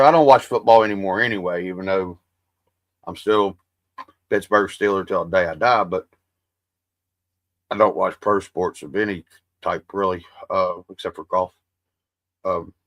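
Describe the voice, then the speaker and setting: A deep-voiced man hosts a livestream, speaking a little slowly with frequent pauses and a fairly bright tone. His casual chat with viewers rambles and gets profane, and he describes his voice as soothing. Dry recording.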